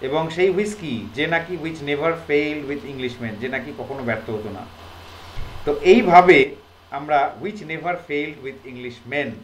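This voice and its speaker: A man with a Bengali accent explaining grammar to students. He asks and answers his own questions and slows right down to dictate English sentences. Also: a little high, a little hiss or hum. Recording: roomy echo.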